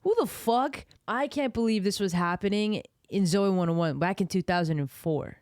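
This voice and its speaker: A woman's voice: medium pitch, normal speed, darkish tone, dry recording. A woman hosts a commentary video, cutting in between clips. Her remarks are emphatic and indignant. The recording sounds dry and close. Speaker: commentary channel host. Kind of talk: reaction commentary.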